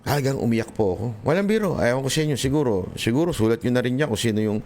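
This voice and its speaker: A man's voice: mid-range voice, expressive, fast talker, a little mellow. A man from the Philippines giving earnest commentary to his viewers, talking to them directly, slipping between Tagalog and English with frequent restarts. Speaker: political vlogger. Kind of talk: impassioned commentary vlog.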